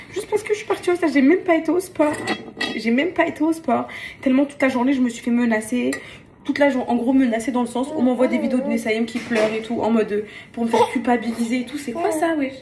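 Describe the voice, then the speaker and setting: A woman's voice: on the high side, a little mellow, slight background noise. A tired young woman in casual vlog chat, venting and exasperated, often repeating herself. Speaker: vlogger. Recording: household clatter behind.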